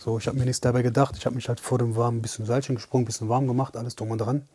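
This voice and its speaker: A man's voice: medium pitch, rapid-fire, husky, no room sound. A young man, a professional boxer, telling a story in casual chat, acting out the lines of the people in it. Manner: animated, retells scenes with quoted dialogue.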